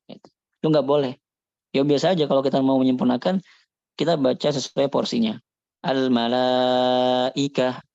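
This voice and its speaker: A man giving a religious lesson on Quran recitation, calmly explaining and slowly demonstrating Arabic sounds. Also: mid-range voice, creaky, no echo, dull audio.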